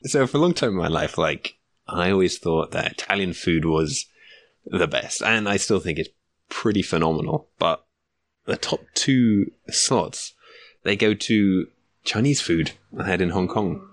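A man's voice: low-pitched, animated, a little slow. A man chatting casually on a podcast, laughing as he describes food. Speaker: podcast guest.

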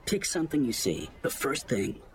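An earnest young knight with a soft, sincere voice, as the male narrator plays him in a story read aloud. The reading is expressive, rising and falling freely, with a light background hiss. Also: mid-range voice, normal speed, voice pushed up. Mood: gentle.

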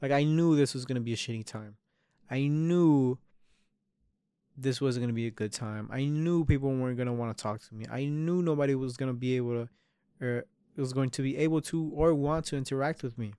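Reflecting solo on his podcast, a man in his early twenties speaks honestly, swears often and keeps trailing off and restarting. His medium-pitched voice is brisk and mellow with a clean tone, recorded in a clean studio with no room sound.

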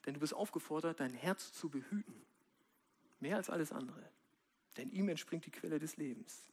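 A man giving a sermon in a casual, direct way, with slang and slow, quiet stresses. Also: on the high side. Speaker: preacher.

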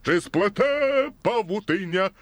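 A man's voice: sits high, takes it slowly, fairly bright tone, dry recording. A man voicing a goofy cartoon dad who sings a comic song in a cartoon dub. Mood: silly singing. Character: goofy cartoon dad singing about a pig.

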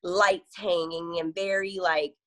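A young woman talking as an interview guest, chatty and quick, with many fillers and frequent laughter. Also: on the low side, little pitch movement, fairly bright tone. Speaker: event promoter, guest. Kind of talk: casual interview chat.

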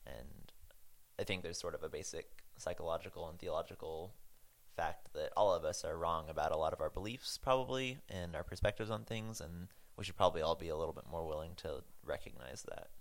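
Low-voiced, measured man reflecting. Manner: measured, thoughtful, self-questioning. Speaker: podcast co-host. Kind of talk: casual church discussion.

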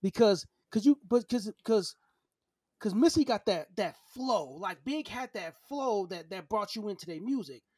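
A high-voiced man in his thirties holds forth on a casual podcast. He is opinionated and emphatic, circling back over his words to press a point. The sound is close and dry. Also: animated, unhurried, darkish tone, breathy edge, no echo. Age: 30s. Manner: emphatic, opinionated, repeats himself. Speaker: podcast co-host. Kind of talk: casual opinionated debate chat.

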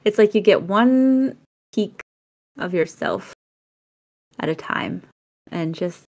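A woman co-hosting a podcast, sharing a personal story in a reflective, searching way. She restarts her sentences often and laughs softly between her thoughts. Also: medium pitch, expressive, slow. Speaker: podcast co-host. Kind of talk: casual conversation.

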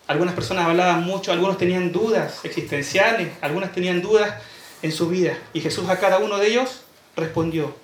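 High-voiced man preaching in an echoey hall. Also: a little fast, slight background noise. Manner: storytelling with rhetorical questions to the congregation. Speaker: pastor. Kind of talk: sermon.

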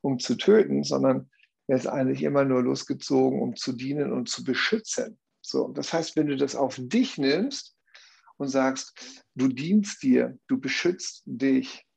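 A man's voice: medium pitch, measured pace, gravelly, darkish tone, husky. A man explaining a view earnestly in conversation, often checking in with tag questions.

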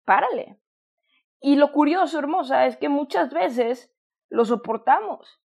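A woman with a Mexican accent speaks in a high voice, giving a motivational talk on self-love. She talks in an affectionate, conversational way, repeating and restarting phrases as she goes. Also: expressive, measured pace, gravelly. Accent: Mexican Spanish. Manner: warm, affectionate, addresses listener as "hermosa".

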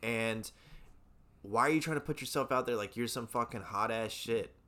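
A heated man in a casual podcast conversation, swearing freely and pushing his point hard. He trips over his own words, repeating them as he restarts. His voice sits at an ordinary middle pitch for a man. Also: moderate pace, sharp tone. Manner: profane, heated ranting. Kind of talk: casual chat.

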